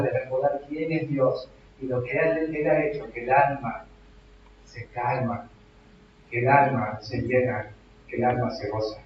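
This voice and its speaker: A young adult man with a Rioplatense Argentine accent, preaching a sermon in a church hall, shifting from hushed reflection to loud emphatic exhortation. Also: mid-range voice, a little hiss or hum. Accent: Rioplatense Argentine Spanish. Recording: very echoey hall, distant, dull.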